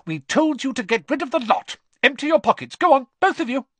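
A man voicing a bustling, sharp-tongued middle-aged mother, shrill and quick to scold. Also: very animated, slightly rough, no echo. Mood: furious.

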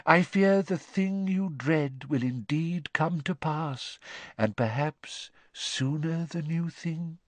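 A drawn-out, misty voice of a theatrical fortune-teller woman, as a male narrator puts her on. She speaks mournfully and slowly, her pitch rising and falling a lot. The sound is close and dry. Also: animated, no echo.

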